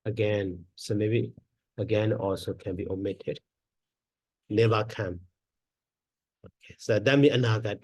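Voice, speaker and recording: A man teaching Pali grammar in a slow lesson, counting syllables aloud one at a time with many pauses and fillers. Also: on the low side, a little mellow, slightly rough, no echo.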